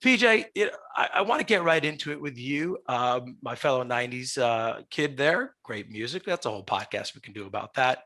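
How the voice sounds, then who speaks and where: A man with a smoker's rasp, hosting a podcast in a chatty showman's style on a headset mic. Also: mid-range voice, expressive, a little fast, few pauses, pushed and bright. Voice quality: raspy, like a smoker's voice. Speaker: podcast host. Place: small glass-walled office, video call. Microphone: headset boom mic.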